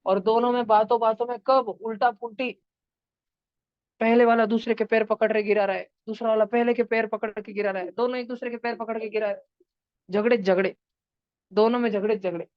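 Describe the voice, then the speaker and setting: A woman's voice: a little high, fairly even intonation, brisk, no echo, lo-fi sound. Playful woman teaching math through stories. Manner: playful, acts out number characters in voices. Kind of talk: storytelling math lesson for kids. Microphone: online class.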